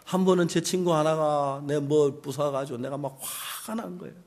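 A middle-aged male pastor with a notably high voice for a man. His sermon lurches between forceful, drawn-out emphasis and sudden hushed near-whispers. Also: fairly even intonation. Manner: dramatic swings from emphatic loud phrases to hushed near-whispers; stretches out key words slowly for emphasis.

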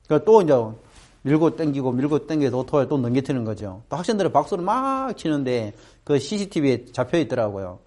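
A middle-aged man speaking to students, telling a personal story and acting out the voices of people in it. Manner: animated, acts out quoted voices with big pitch jumps. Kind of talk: storytelling talk.

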